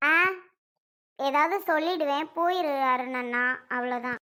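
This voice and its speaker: A high-voiced performer playing a quarrelsome, sharp-tongued pregnant young woman in a family skit, snapping back defensively. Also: normal speed. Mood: defiant.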